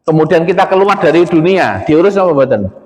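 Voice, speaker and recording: A man with an East Javanese accent gives a mosque sermon in a chatty way, often putting questions to the congregation. His voice sits fairly high for a man. The sound carries a long reverb from the mosque hall. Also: sing-song, a little fast, darkish tone. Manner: conversational, addresses the congregation as "Pak", mixes in Javanese. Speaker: Islamic preacher.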